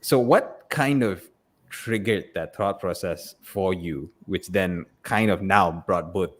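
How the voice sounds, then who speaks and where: A man hosting a live podcast conversation, thoughtful and hesitant, with frequent fillers and soft laughs. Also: deep voice, takes it slowly. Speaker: podcast host. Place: room with guests.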